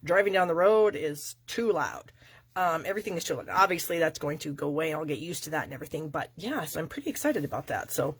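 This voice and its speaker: A middle-aged woman with a husky, nasal voice, stuffed up from a cold, talks with viewers of her own craft video. She rambles in a casual, chatty way with plenty of fillers. Her voice sits fairly low. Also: expressive, fast talker. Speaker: stamping demonstrator hosting a live craft video.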